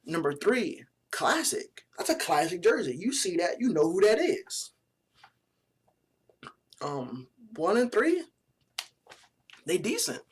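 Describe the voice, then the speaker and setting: A man's voice: high-pitched, slow, long pauses, slightly rough. A man casually reviewing new basketball jerseys in a vlog, with blunt opinions, plenty of swearing and loose slang. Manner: blunt, profane, joking opinions; relaxed slangy talk. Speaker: sports vlogger.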